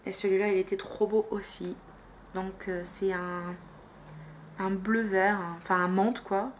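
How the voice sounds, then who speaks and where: A woman's voice: mid-range voice, little pitch movement, measured pace, a little hiss or hum. Chatty woman vlogging about makeup buys. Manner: chatty, enthusiastic, many fillers. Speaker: beauty vlogger. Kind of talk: casual vlog chat.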